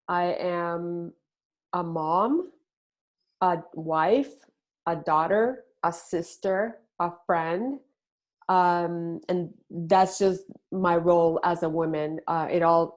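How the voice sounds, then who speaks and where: A middle-aged woman from Puerto Rico, a parenting expert answering interview questions with hesitant pauses and many ums. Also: on the low side. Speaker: podcast guest, parenting expert.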